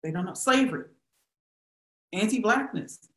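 A woman's voice: mid-range voice, lively intonation, moderate pace, sharp tone. A middle-aged woman, a historian, answering questions on a video call, speaking with emphasis and many rhetorical questions. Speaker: historian and professor, guest speaker. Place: small indoor room at home. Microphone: webcam on a video call. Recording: roomy webcam sound.

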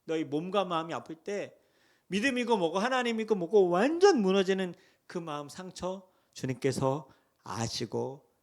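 A male pastor preaching a Sunday sermon with passion, asking the congregation questions and swinging between hushed lows and loud cries. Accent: Seoul Korean.

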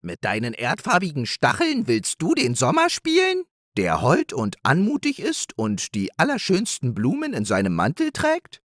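A man's voice: on the high side, huge pitch swings, moderate pace, fairly bright tone, dry recording, clean studio sound, voice pushed up, heavily acted. A pompous hare poet, as a man puts him on. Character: pompous male hare poet, proud and bossy.

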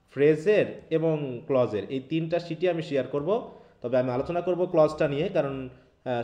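With a medium-pitched, dark voice, a man carrying a Bangladeshi Bengali accent teaches English over the internet from an echoey room. He lays out each step and repeatedly asks students questions to check on them.

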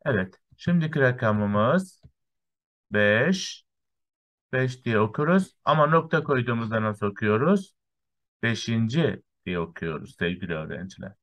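Male primary teacher, patient, counts step by step, slow lesson for small children. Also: mid-range voice, expressive, fairly bright tone. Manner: counts through lists step by step, often saying "sevgili öğrenciler".

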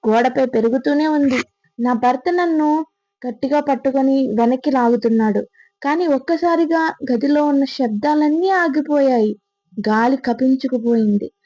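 A woman narrates a first-person horror story with tense, dramatic delivery. Her voice sits fairly high yet sounds mellow and slightly husky. The recording is dry and a touch muffled, with faint music underneath. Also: no room sound.

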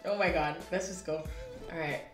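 A woman's voice: low-pitched, fairly even intonation, moderate pace. A young woman presenting a food challenge in a casual, chatty way. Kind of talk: casual chat. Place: small indoor room, seated at table. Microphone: camera a few feet away. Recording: echoey room, music in the background.

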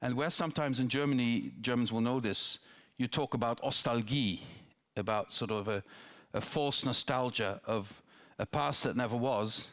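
A man's voice: medium pitch, normal speed, hardly any pauses, a bit bright. Older man speaking on stage. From Netherlands. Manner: thoughtful, with restarts and asides. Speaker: politician answering questions. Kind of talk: town-hall dialogue. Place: theatre stage before a large audience. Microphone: headset mic.

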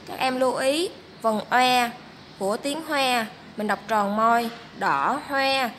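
A woman teacher leads a first-grade reading lesson, pronouncing each word slowly and carefully. Her voice is bright and fairly high. A faint hiss sits under the recording. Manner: slow, clear, syllable-by-syllable teaching delivery. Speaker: primary school teacher.

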